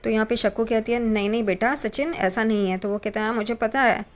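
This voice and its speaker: A woman's voice: fairly high pitch, steady tone, fast talker. Woman casually retelling a TV serial. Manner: retells scenes, briefly voicing each character's lines. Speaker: serial episode recapper. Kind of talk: casual storytelling recap.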